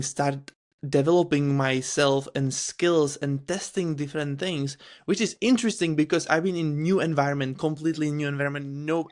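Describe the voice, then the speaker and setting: Czech guy hosting a podcast, kinda high voice, lots of like and you know, keeps restarting. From Czech Republic. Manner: halting, many restarts and fillers. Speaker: podcast host. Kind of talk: casual interview chat.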